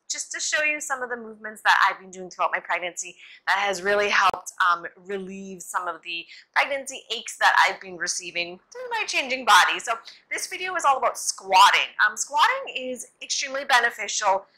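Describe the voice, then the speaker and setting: A woman's voice: mid-range voice, big pitch swings, fairly quick, bright, forceful tone, poor audio. A young woman giving a casual, instructional exercise demonstration in an informal, reassuring and encouraging manner, as a yoga teacher would.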